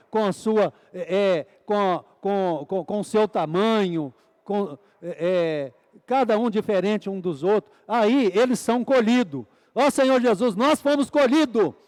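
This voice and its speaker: Male preacher, high voice, fervent sermon delivery, keeps asking and answering his own questions. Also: darkish tone, long reverb tail. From Brazil. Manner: repeated fervent "Ó Senhor Jesus" exclamations; asks the congregation questions and answers them.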